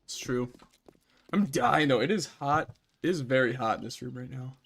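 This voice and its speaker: A young man in casual chat while playing a game, talkative and quick to laugh, acting out little quoted voices. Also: mid-range voice, expressive, vocal fry, a bit bright, a little hiss or hum. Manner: chatty, laughs often, acts out quoted voices. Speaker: streamer guest.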